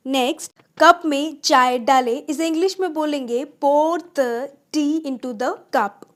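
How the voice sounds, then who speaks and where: A woman teaching spoken English, saying each phrase slowly and repeating it for learners, with chatty asides in between. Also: sits high. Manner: slow, drawn-out repetition of phrases for learners.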